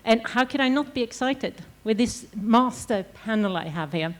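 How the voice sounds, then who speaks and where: A woman's voice: on the high side, expressive, moderate pace. Woman moderating a conference panel. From Sweden. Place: conference stage.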